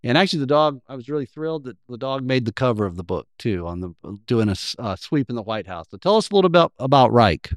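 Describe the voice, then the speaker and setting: A man hosts a casual conversation in a mid-pitched voice. He feels his way through questions haltingly and rephrases often. The sound is dry. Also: very animated, dry recording. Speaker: interviewer, moderator. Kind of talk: casual interview.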